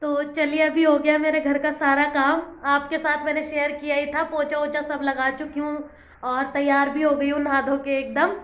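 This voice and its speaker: A woman's voice: sits high, little pitch movement, normal speed, a bit bright, reverberant, muffled recording. A young woman chatting through a home vlog voice-over, telling a complaining story in a talkative way. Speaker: home vlogger.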